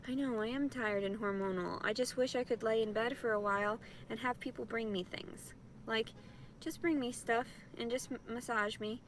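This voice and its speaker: A woman's voice: on the high side, steady tone, normal speed, slight background noise. A distressed woman ranting tearfully and repetitively to her camera in a vlog, in pain and upset. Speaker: vlogger. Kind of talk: emotional vlog rant.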